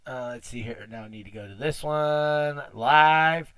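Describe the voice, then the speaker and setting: A man hosting a casual car audio podcast livestream, chatty and quick to laugh. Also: on the high side, fairly bright tone, clear, resonant tone, no echo. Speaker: podcast host.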